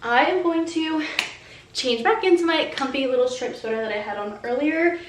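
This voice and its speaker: A woman's voice: sits high, normal speed, slight background noise. A young woman vlogging in a casual, chatty way, peppering her talk with "like", recorded at home. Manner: chatty, fills speech with "like". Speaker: lifestyle vlogger. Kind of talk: casual chat to camera. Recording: echoey room.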